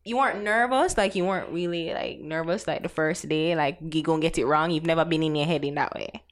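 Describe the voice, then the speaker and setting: A woman's voice: low voice, fairly quick. A woman, asking questions as interviewer in a casual, conversational style.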